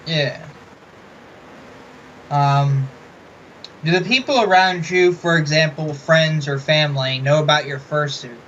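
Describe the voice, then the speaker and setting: A man hosting an interview, asking questions in a soft, slightly mumbling, hesitant way from inside a fursuit head. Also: on the high side, measured pace, pauses often. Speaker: interviewer, channel host. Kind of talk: casual interview. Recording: muffled, dull audio with hiss.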